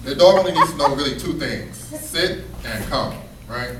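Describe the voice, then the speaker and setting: Man, stand-up comic, laid-back slangy storytelling, fairly high voice, echoey distant club sound. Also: expressive, moderate pace, very noisy. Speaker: stand-up comedian. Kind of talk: stand-up set. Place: comedy club stage. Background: audience laughter.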